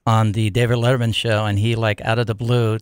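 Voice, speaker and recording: A man chatting on a sports radio show, telling stories in a relaxed, easygoing way. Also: on the low side, a little fast, smooth, dry recording, clean studio sound. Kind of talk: casual sports radio chat.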